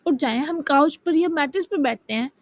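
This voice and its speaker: A woman's voice: high voice, no echo, natural voice. A woman voicing a shy, sweet young woman in a bashful, pleading manner. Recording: dull dry lo-fi sound.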